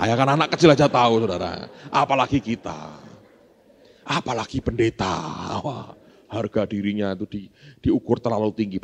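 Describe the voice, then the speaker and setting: Gravelly-voiced male pastor preaching conversationally. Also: lowish voice. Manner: conversational, keeps addressing the congregation as "saudara"; acts out both sides of a dialogue in a question-and-answer rhythm. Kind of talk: storytelling sermon. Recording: dull lo-fi sermon recording.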